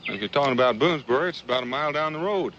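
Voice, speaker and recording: A man's voice: medium pitch, lively intonation, racing, a bit bright, natural voice. An actor playing an easygoing, plain-spoken frontiersman in a TV western, folksy and understated. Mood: friendly, curious. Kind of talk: 1960s television western acting. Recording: dull, noisy old TV soundtrack.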